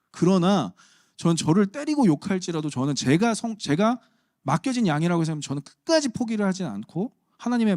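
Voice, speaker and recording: Animated male pastor preaching. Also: fairly high pitch, no echo, studio quality. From Chungcheong region, Korea. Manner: conversational, humorous, emphatic preaching. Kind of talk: sermon.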